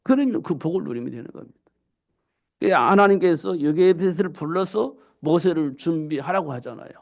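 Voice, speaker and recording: A man's voice: on the high side, lively intonation, brisk, vocal fry, darkish tone. A man preaching a sermon as pastor, asking his listeners rhetorical questions and acting out the people he quotes. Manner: acts out quoted voices in questions and answers, rhetorical questions. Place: church sanctuary.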